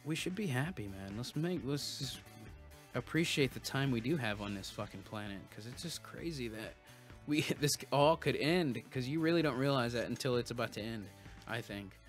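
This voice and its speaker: Man, stream host, mid-pitched, loose and rambling, casual cursing, faint music underneath. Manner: loose and musing, many restarts, swears casually. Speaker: livestream host.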